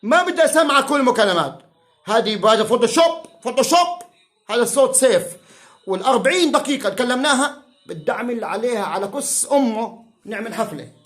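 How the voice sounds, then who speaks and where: A man with a Palestinian Arabic accent rants to camera in a fierce, insulting, mocking way. His voice sits high for a man. It rings around an echoey room. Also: animated, fast talker, fairly bright tone. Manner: heated, insulting and profane, mocking. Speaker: self-styled political commentator. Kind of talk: angry rant to camera.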